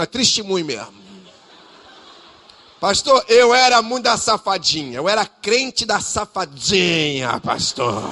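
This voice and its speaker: A woman's voice: medium pitch, voice pushed up. A man putting on a gushing makeup girl. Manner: loud, breathless, confessional chatter. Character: gushing young female makeup artist, chatty.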